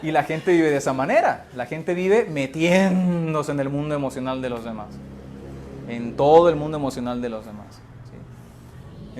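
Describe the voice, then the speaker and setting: A man's voice: fairly high pitch, a little mellow. A man giving an informal talk on psychology, speaking emphatically and constantly checking in with rhetorical questions. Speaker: speaker on emotional health.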